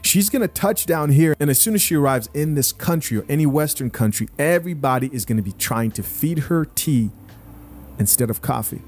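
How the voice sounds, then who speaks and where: A man's voice: a little high, expressive, fairly quick, darkish tone. Blunt Zambian-born man hosting a podcast. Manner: blunt, emphatic, addresses viewers directly. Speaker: podcast host. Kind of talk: opinionated commentary. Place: small home studio room, indoors. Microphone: close studio mic, wearing headphones.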